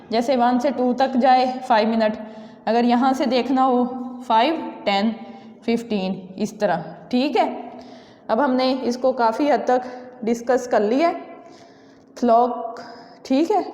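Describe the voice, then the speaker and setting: A woman's voice: a little high, a little mellow, lo-fi sound. A woman with a Pakistani accent teaching a classroom lesson. She explains step by step, mixes in English school words, and keeps checking with her students. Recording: echoey classroom with long reverb.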